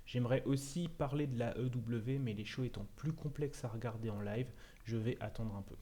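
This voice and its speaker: Sardonic male video host, mellow dark tone, scripted opinion monologue. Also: medium pitch, moderate pace.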